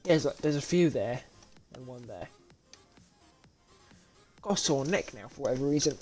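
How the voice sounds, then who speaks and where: A young British man plays a car repair game live, giving casual, rambling commentary to himself with frequent restarts and laughs, sleepy and yawning. His medium-pitched voice is animated and darkish at a moderate pace, picked up by a desk mic with webcam, with faint music behind.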